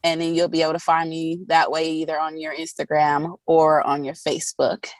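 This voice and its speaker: A woman massage therapist speaking as an interview guest, chatting casually and telling stories with lively quoted asides. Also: deep voice, moderate pace, no room sound. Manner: animated storytelling, acting out quotes; laughs often while talking.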